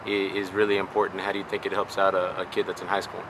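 A man asking interview questions off camera, upbeat and quick to say awesome. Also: low-pitched, monotone, noisy background. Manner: upbeat, keeps saying awesome.

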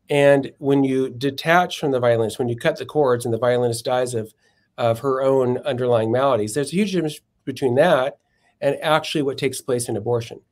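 A man, a guest in a podcast interview, explaining philosophical arguments in a measured, methodical way and often correcting himself mid-phrase. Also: medium pitch, darkish tone.

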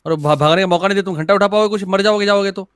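A man's voice: high-pitched, very fast, background noise. A man playing a game with a friend, giving urgent, bossy directions with crude slang in casual banter. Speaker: co-player.

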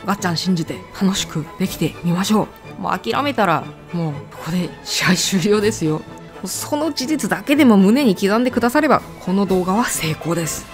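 A brisk woman teaches a language lesson to camera, her pitch leaping up and down as she jokes and quizzes her viewers. Her first language is Korean. Faint music plays underneath her voice. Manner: animated, playful, talks straight to the viewers with rhetorical questions. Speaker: language teacher and video host. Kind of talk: lively explanatory lesson to camera.

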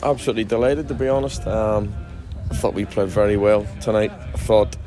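A man's voice: on the low side, fairly quick, dark tone, soft background music. A man in his forties, a football manager, giving a chatty post-match interview outdoors at a ground at night, restarting sentences often. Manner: chatty, frequent restarts and fillers.

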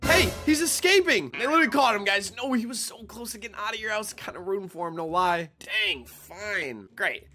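Man, game commentary, excitable, exaggerated reactions, animated pitch, bright tone. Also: brisk, vocal fry, few pauses, faint music behind. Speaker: gaming YouTuber.

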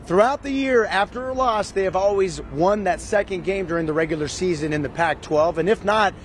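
A man's voice: sits high, fairly quick. Man, 50s, sports reporter, upbeat broadcast delivery, handheld mic, outdoor city plaza, faint traffic noise. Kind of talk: live TV news report.

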